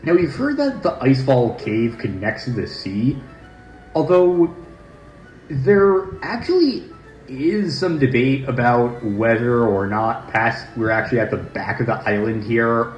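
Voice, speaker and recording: A man hosts a let's play, chatting and joking through casual gameplay commentary at a middle pitch, animated but unhurried. His voice echoes around a large room at home, with soft game music low in the background.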